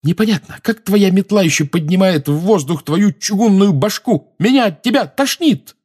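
A man voicing a sharp-tongued teenage girl who speaks with cutting contempt in an audiobook reading. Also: a little high, big pitch swings, normal speed, voice pushed up. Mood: angry.

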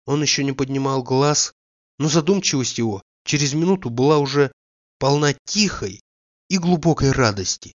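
A man narrating an audiobook of a classic novel in a calm, even manner. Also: mid-range voice, moderate pace, dry recording. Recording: dull dry lo-fi recording.

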